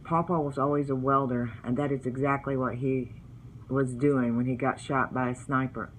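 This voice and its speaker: An earnest man tells faith-filled family stories for his vlog, partly reading from his own book. His voice sits at an ordinary pitch and is delivered with heartfelt sincerity, with a faint hiss behind it. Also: fairly even intonation, moderate pace, a bit bright, rough recording. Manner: earnest, heartfelt, religious storytelling. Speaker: vlogger.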